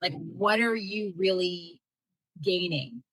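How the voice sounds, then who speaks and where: A woman's voice: fairly low pitch, slow, a bit bright, no room sound, rough recording. An American woman hosting a casual livestream conversation. She speaks bluntly and directly, with many fillers. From United States. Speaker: host.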